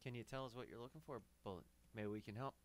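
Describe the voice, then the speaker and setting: A man's voice: medium pitch, fast. A man co-hosting a podcast, chiming in and teasing in casual banter. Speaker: podcast co-host.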